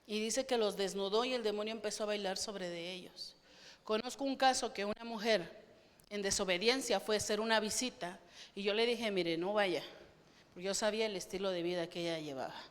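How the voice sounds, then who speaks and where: A woman pastor with a medium-pitched, brisk voice preaches a fervent sermon in church, asking the congregation questions. The recording has the long reverb of a church hall.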